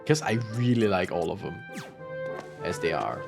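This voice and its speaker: A man's voice: deep voice, very animated, normal speed, vocal fry. A tired man giving casual, rambling commentary as he plays, laughing and breaking off mid-thought. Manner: rambling, laughing, self-interrupting. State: tired, yawning. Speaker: gaming channel host. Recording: game music playing behind.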